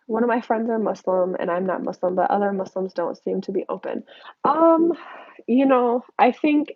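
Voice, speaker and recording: A woman's voice: medium pitch, fairly quick, no echo, lo-fi sound. Congested, nasal young woman chatting live. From United States. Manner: chatty and candid, reads out comments. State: congested from allergies. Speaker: YouTuber answering viewer questions. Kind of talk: casual live-stream Q&A. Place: home desk.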